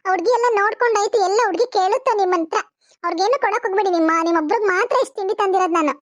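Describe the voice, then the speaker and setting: A woman's voice: very high-pitched, no room sound, studio quality. Woman doing a bossy visiting daughter. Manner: brisk, reassuring, bossy. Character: married daughter visiting her mother, bossy. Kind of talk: animated cartoon voice acting.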